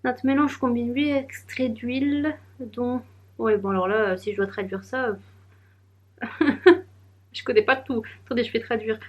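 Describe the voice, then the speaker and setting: A woman's voice: fairly high pitch, unhurried, long pauses, lo-fi sound. A young woman vlogging casually, chatting and giggling as she unboxes and rambles aloud. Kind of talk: casual vlog chat.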